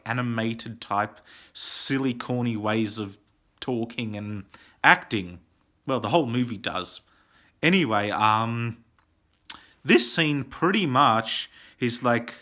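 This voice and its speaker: Rambling man reviewing a movie. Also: medium pitch. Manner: rambling, animated, filler-heavy. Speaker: film reviewer.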